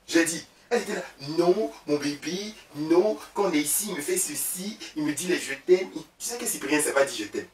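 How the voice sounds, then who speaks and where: A man's voice: fairly high pitch, brisk, hardly any pauses, far from the mic, pitched above the performer's own voice, lightly acted. A man playing a chatty, boastful woman who gossips about her husband, with an Ivorian French accent, in a comic sketch. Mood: gossipy. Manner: gossipy, animated, loud outbursts. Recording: roomy, from off-mic, faint background.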